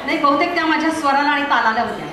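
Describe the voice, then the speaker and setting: A woman telling a funny story to a concert audience between songs, speaking in a lively, chatty way into a stage microphone. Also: sits high, racing, a crowd in the background, noisy background. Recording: echoey live hall sound.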